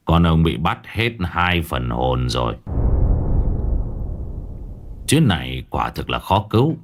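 A man voicing a stern old male exorcist who speaks slowly and gravely. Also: a bass voice, very animated, background noise, voice pushed down, full character voice. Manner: slow, measured, grave.

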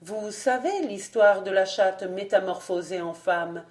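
A woman reading a classic novel aloud as an audiobook narrator, measured and deliberate. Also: mid-range voice, darkish tone.

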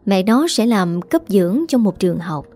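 Mellow-voiced woman narrating a story. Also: medium pitch, sing-song, moderate pace.

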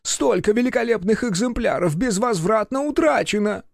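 A man voicing a distraught elderly male professor who wails in a high, drawn-out voice. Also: animated, gravelly, dry recording, studio quality, heavily acted. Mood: lamenting. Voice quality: high, wailing, drawn-out delivery.

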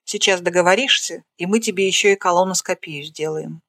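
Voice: medium pitch, brisk, sharp tone, dry recording, clean studio sound. A reader voicing a stern, bossy female nurse who barks orders in a commanding voice while reading a screenplay aloud.

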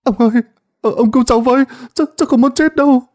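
A man's voice: very fast, darkish tone. Man putting on a stammering terrified young villager. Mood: pleading. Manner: stammering, pleading, high-pitched. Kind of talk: ghost story narration.

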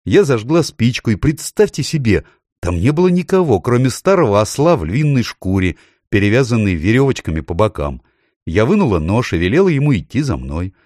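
A man's voice: medium pitch, sing-song, fairly quick, a little mellow, no echo, studio quality, voice pushed up. A man reading an audiobook, voicing a brave, cheeky young girl who tells her tale eagerly.

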